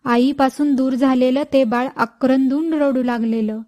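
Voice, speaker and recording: A woman reading a story aloud in a slow, measured manner. Her voice sits high, and she takes her time over each line. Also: steady tone, noisy background. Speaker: audiobook narrator. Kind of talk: scripted narration.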